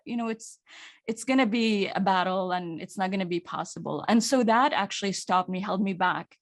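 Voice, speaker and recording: In a relaxed interview, an actor and audiobook narrator from Saudi Arabia speaks with a medium pitch and her native accent. She reflects as she talks, frequently starting her sentences over.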